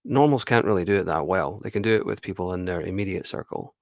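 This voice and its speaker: A man's voice: low-pitched, quick pace, creaky, dry recording, studio quality. A man giving blunt, casual commentary on a reality show, swearing and laughing now and then.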